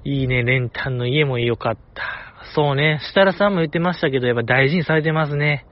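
A man's voice: mid-range voice, brisk, lo-fi sound. Kansai-accented man, chatty and teasing. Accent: Kansai Japanese. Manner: chatty, jokey, teasing asides. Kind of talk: casual solo radio talk.

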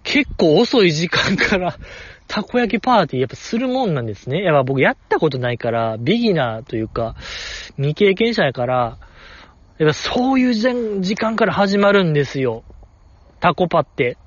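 A man's voice: high voice, sing-song, moderate pace, husky, dry recording, highs cut off. A young man with a Kansai accent, chatting enthusiastically as a podcast host. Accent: Kansai Japanese. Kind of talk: casual fan podcast chat.

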